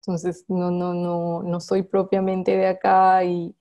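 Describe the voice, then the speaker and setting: A woman answers reflectively in an interview as a poet, haltingly, often repeating words as she searches for the next one. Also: on the low side, completely flat delivery, warm tone. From Colombian Caribbean coast.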